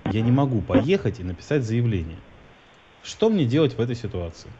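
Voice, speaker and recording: Insistent man with a dark, dull-sounding voice. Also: mid-range voice, big pitch swings, brisk, slightly rough. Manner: insistent, argumentative. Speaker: prank-style caller complaining to call centres. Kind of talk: phone conversation. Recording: slightly dull, lo-fi call recording.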